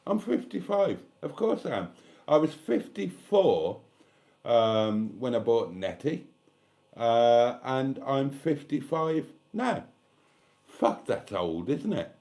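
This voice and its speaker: Male streamer, 50s, mid-pitched, frank and foul-mouthed, drifts off on tangents while reading comments. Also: very animated, takes it slowly, mellow. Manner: blunt, candid and sweary, rambling asides. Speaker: livestream host. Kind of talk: casual live-stream chat reading comments.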